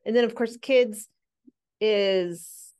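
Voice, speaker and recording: A woman's voice: medium pitch, slow pace, darkish tone, clean tone. A woman guest on a podcast, cheerfully adding details to the talk. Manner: upbeat, chimes in with additions. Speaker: magazine guest. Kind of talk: casual interview chat.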